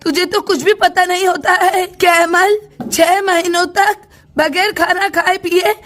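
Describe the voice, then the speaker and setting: A woman voicing a scolding older village grandmother in a doll story, speaking in a drawn-out way. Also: very high-pitched, steady tone, fairly bright tone.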